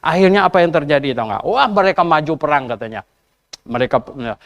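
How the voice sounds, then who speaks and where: A male pastor telling a sermon story in a casual, animated way, chuckling and asking the congregation questions. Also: on the high side, fast. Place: church service.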